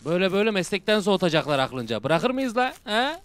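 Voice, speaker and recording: A young man giving casual, slangy commentary while playing a horror game, bursting into loud shouts and dropping to low mutters. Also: fast talker, clear, resonant tone. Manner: excitable, swings between loud outbursts and low mutters; casual slangy banter with viewers. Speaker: gaming YouTuber.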